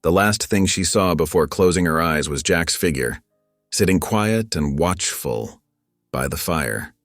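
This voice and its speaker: Male storyteller, extremely low voice, calm and measured, dry studio sound. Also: dry recording. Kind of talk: scripted narration. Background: faint music.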